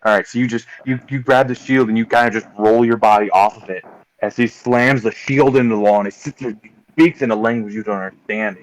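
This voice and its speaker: A man acting as game master, describing a tabletop combat in vivid, unhurried detail with frequent ums. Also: medium pitch, fairly even intonation, rough recording.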